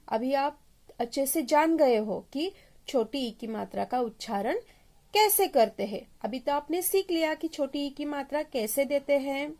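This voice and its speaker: A woman teaching young children, sounding out each syllable slowly and talking to them directly. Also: high voice, vocal fry, darkish tone. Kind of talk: children's Hindi lesson.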